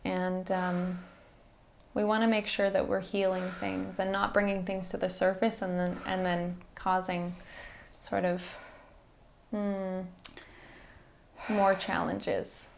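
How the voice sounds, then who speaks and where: A woman instructor softly guiding a breathing exercise in a soothing, encouraging manner, with background noise in the recording. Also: medium pitch, flat delivery, slow pace. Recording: faint-to-clear background noise and ambience.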